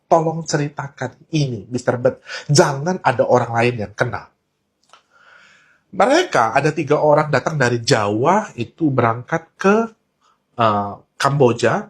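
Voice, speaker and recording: Urgent, animated man warning viewers. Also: medium pitch. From Indonesia. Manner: urgent, emphatic storytelling with casual slang. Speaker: online talk host. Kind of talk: earnest warning monologue.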